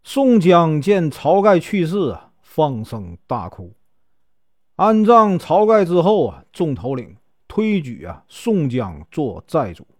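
A man's voice: on the high side, huge pitch swings, takes it slowly, no room sound, clean studio sound. A man, telling a classic tale in a chatty folk storytelling style, stretching out his filler particles.

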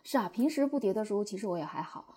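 A young woman telling viewers a personal story in a lively way, acting out her own past outbursts. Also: medium pitch, very fast, slightly rough. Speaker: short-video creator.

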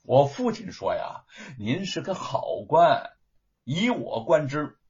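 A cheeky young scholar full of playful mischief, his husky voice riding high and bouncing all over, as a man storyteller puts him on. Dull, muffled lo-fi recording. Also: sing-song, takes it slowly, a little mellow, exaggerated voice. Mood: polite. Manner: mischievous, teasing.

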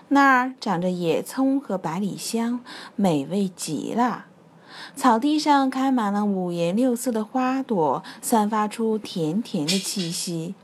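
Woman telling a children's story. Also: mid-range voice. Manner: warm, slow and expressive, addressing children.

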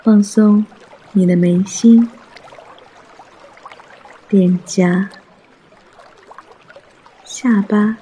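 A man guiding a mindfulness meditation in a soft, hushed, breathy voice, gentle and soothing, with long pauses. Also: high voice, fairly even intonation. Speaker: meditation guide.

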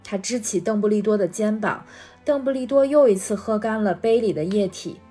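A woman reading a storybook chapter aloud in a steady, expressive voice. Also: medium pitch, fairly quick, breathy edge, faint music behind. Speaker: guest reader.

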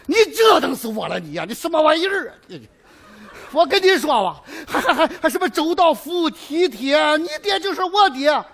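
A fussy, stubborn old man from a comic sketch. His voice sits very high and thin, and he scolds in long, drawn-out exclamations. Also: sing-song, vocal fry, fairly bright tone, exaggerated voice. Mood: scolding. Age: older. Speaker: old neighbor in a stage sketch.

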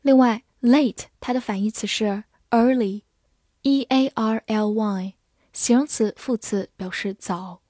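Brief: woman, lesson narrator, slightly high voice, unhurried, dry close sound. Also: mellow, no room sound. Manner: spells words letter by letter and reads examples slowly. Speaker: English vocabulary teacher. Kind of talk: scripted vocabulary lesson.

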